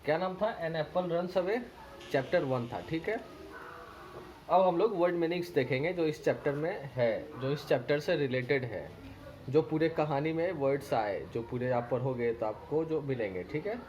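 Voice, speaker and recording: Reading a children's story slowly for a primary school English lesson, an Indian-accented male teacher repeats words and spells each one letter by letter. His voice is on the high side and a little mellow, and the rough recording has a faint hiss or hum.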